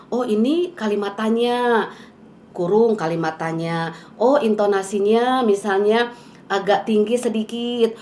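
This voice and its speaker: Patient woman teacher explaining slowly, echoey room. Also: on the high side. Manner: patient, explanatory, many fillers and rhetorical questions. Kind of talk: poetry reading lesson.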